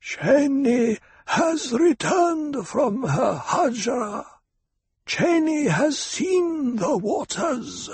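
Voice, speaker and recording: A man's voice: extremely high pitch, very animated, darkish tone, husky, dry recording, voice pushed up, full character voice. A man doing a harsh-whispering ancient priestess. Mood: intoning. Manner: slow, solemn, ritual intoning. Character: ancient frail woman high priestess, commanding. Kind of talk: audiobook character voice.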